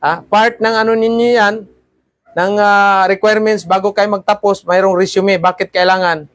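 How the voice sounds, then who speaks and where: A man's voice: sits high, fairly even intonation, moderate pace, fairly bright tone, no room sound. A man teaching a class of seafarer trainees, lecturing and often checking in with "ha?" and "di ba?". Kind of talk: classroom talk.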